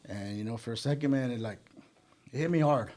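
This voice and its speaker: A man's voice: mid-range voice, brisk, darkish tone. Casting: male musician guest from Texas, middle register, sincere, informal storyteller. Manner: earnest, peppers speech with "you know". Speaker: band member, interview guest. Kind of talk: casual personal storytelling.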